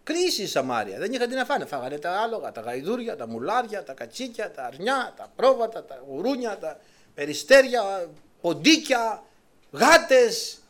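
A middle-aged male preacher delivering a sermon with great emphasis. His fairly high voice swings widely, climbing to urgent peaks and then sinking back down. He exhorts his listeners directly. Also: very animated, fairly bright tone. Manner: emphatic preaching, voice rising and dropping sharply.

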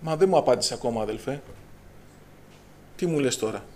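A middle-aged man preaches a fervent Pentecostal sermon in a mid-range, animated voice that's a little mellow, raising his voice when he quotes scripture and calling out to his listeners in a preacher's call-and-response style. A little hiss or hum is present.

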